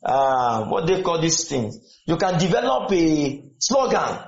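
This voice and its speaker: A man's voice: a little high, big pitch swings, slow. A man preaching a sermon to students, firing questions at them and repeating his points. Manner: questioning, exhorting, repeats lines. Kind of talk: sermon with call and response. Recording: echoey room, dull lo-fi sound.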